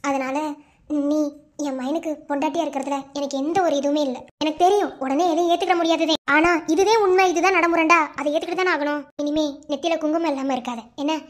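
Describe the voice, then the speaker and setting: Woman putting on a soft calm mother-in-law, madurai accent, earnest, cartoon. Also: high voice, fast, lightly acted. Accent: Madurai Tamil. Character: calm middle-aged mother-in-law, gentle and accepting.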